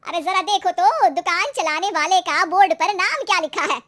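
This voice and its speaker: A shrewd, caring old cartoon mother who teases gently, as a woman puts her on. The voice is very high and loud. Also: moderate pace, dry recording. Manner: teasing, shrewd.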